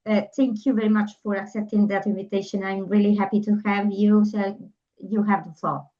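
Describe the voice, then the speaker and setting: A woman's voice: medium pitch, fairly even intonation, brisk, warm tone. Hesitant woman podcast host, muffled sound. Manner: hesitant, many fillers. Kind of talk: interview introduction.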